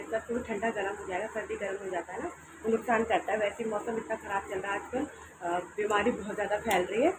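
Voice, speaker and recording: A young woman talks through her day at home in a casual vlog. Her voice is hoarse and tired, and she rambles softly, repeating herself, at a middling pitch. Clear background noise runs under the recording. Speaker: vlogger.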